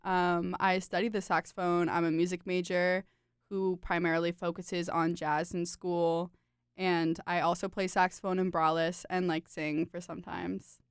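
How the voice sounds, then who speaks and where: A woman's voice: fairly low pitch, level tone, moderate pace, clean tone, no echo, studio quality. A young woman from Connecticut, a jazz saxophone student, chatting in a giggly way. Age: young adult. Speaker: saxophonist, guest. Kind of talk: casual interview chat.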